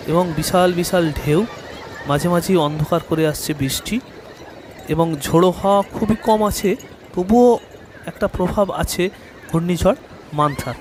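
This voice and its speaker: A man giving a formal, reporter-like vlog update to viewers. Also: sits high. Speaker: travel vlogger hosting a live weather update. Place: outdoors by a seaside road. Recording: outdoor noise, traffic and ambience.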